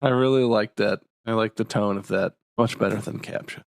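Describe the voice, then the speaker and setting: A man's voice: fairly low pitch, fairly even intonation, moderate pace, creaky, noisy background. A man co-hosting a casual comedy podcast, ranting playfully about pet peeves. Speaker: podcast co-host.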